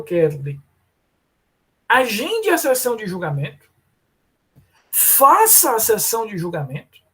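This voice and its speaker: Husky man lecturing on law. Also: high-pitched. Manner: addresses students by name, explanatory. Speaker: law professor. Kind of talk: live online lecture.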